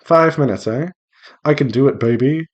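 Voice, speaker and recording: A man streaming as he draws, an indie developer of visual novels, rambles casually and playfully to his viewers and himself on a devlog. His voice is mid-range and his pace moderate. The recording is muffled.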